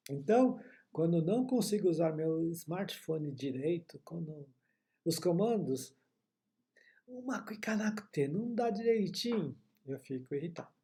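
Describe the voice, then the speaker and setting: A man's voice: sits high, dark tone. A man with a Brazilian accent teaching Japanese in an online lesson, explaining patiently and often checking that listeners follow. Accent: Brazilian Portuguese.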